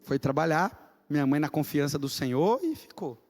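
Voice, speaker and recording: High-voiced Brazilian-church pastor preaching. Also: male voice, moderate pace, soft background music. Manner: animated storyteller who builds to impassioned preaching. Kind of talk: sermon with dramatic storytelling.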